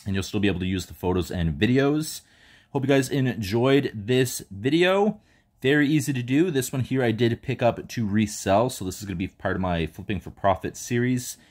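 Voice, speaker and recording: A man hosting a casual tech tutorial, calmly walking viewers through each step while filming indoors on a handheld phone. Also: mid-range voice, normal speed. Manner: relaxed step-by-step instructions. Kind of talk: casual how-to walkthrough. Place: indoors, filming over a bed.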